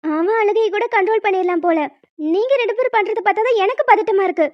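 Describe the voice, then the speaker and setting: A woman voicing a brisk, matter-of-fact young doctor in a cartoon, a little teasing. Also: very high voice, dry recording, dull audio. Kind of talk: cartoon voice acting.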